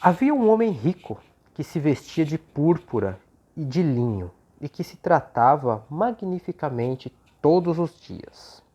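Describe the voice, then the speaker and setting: A Brazilian speaker leading an unhurried religious talk in short, gently explanatory phrases, with a voice slightly off from recovering from flu. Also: mid-range voice, sing-song. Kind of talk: prayer and informal religious talk with scripture reading. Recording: dull, lo-fi sound.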